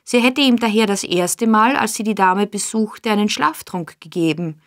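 A woman's voice: mid-range voice, normal speed, no room sound, lightly acted. A lazy, sly young man, as a woman reader puts him on, drawling his answers offhand. He sounds sluggish and careless. The recording is close and dry.

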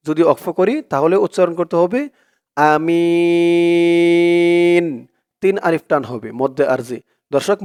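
A man teaching Quran recitation in a tajweed lesson. He spells out each letter and vowel mark in a Bangladeshi Bengali accent, then chants the verse slowly and drawn out. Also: fairly high pitch, a little mellow.

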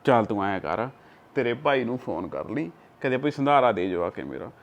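Man playing a calm young husband. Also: medium pitch, moderate pace, dull audio. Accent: Punjabi. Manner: calm, coaxing, uses proverbs. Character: young village husband, calm, advising his wife.

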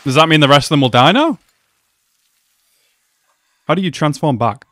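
Young guy doing an anime reaction, pitch jumps all over, hyped up. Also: moderate pace, no echo. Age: young adult. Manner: animated, exclaims and laughs often. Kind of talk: excited reaction commentary. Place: small room at home.

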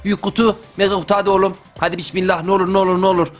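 Casting note: young male gaming YouTuber, high voice, excitable and slangy, faint music behind. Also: racing. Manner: excitable, slangy, talks to himself and viewers. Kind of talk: live gameplay commentary.

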